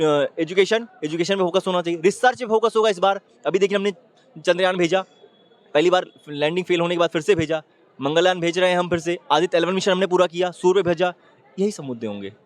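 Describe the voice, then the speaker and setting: A man with a high voice makes his case in a street opinion interview. He talks fast and emphatically, piling point on point, and keeps urging the listener to look. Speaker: interviewee giving public opinion.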